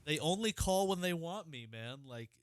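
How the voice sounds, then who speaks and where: A man's voice: fairly high pitch, moderate pace, clear, resonant tone, no room sound. A man co-hosting a podcast in casual chat, ranting with lots of swearing. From Ohio, United States. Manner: profane, animated ranting. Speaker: podcast co-host.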